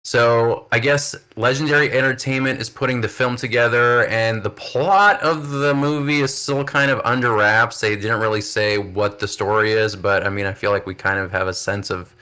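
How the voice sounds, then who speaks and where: A man's voice: medium pitch, normal speed, few pauses, bright, forceful tone, smooth. A man hosting a wrestling podcast, chatting casually in an upbeat, filler-heavy way. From United States. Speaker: podcast host. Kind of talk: casual chat.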